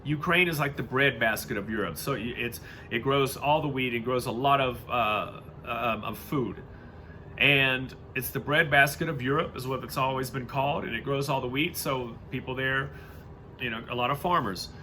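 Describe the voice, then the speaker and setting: An American man reads aloud in a home-made recording, sprinkling in casual, rambling commentary and losing his thread along the way. His mid-range voice moves at a normal speed and sounds pushed and bright, with slight background noise.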